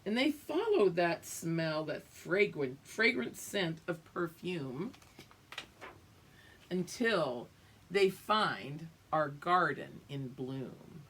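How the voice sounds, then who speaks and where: A fairly low-pitched woman, accompanied by a slight hiss or hum, reads aloud from a picture book to her young class. Her reading is expressive and drawn out, mixed with teacherly explanations and check-ins.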